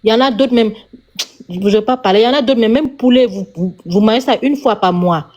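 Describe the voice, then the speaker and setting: A woman's voice: on the high side, a little fast, a little mellow. A woman with a Senegalese accent, scolding viewers emphatically on a live stream panel. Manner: emphatic, lecturing, repeats herself.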